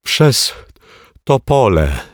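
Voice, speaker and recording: A man's voice: mid-range voice, big pitch swings, extremely slow, no echo, clean studio sound, pitched above the performer's own voice, exaggerated voice. A man voicing a grown-up male detective with a head cold, who answers in brief, offhand lines. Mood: calm. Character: sniffly grown-up male detective, calm and amused.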